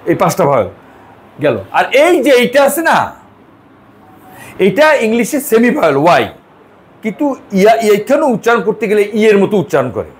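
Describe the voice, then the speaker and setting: উঁচু, ওঠানামা করা গলার পুরুষ শিক্ষক. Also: male voice, sits high, very animated, moderate pace, pauses often. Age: middle-aged. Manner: corrects and repeats sounds patiently, chatty asides. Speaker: French teacher. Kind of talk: one-on-one language lesson.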